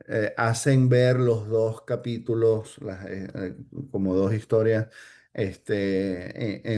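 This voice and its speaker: Slow, halting man teaching Bible study. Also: mid-range voice, darkish tone. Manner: hesitant, many fillers and restarts, checks in with "ok?". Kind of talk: informal Bible study talk.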